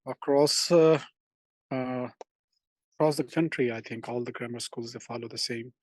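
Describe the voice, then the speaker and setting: A man's voice: mid-range voice, moderate pace, dry recording. Man on a call that keeps breaking up. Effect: call breaking up and dropping out. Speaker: parent joining a workshop. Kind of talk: casual remarks on an online call. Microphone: video call.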